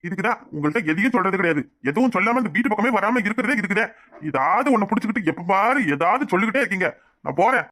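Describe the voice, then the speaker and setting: A man plays a loyal, hot-headed young village man in a cartoon, who boasts and defies his elders. His voice sits high and bright, and he talks fast. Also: animated. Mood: impatient. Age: 20s. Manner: defiant, boastful. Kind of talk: cartoon voice acting.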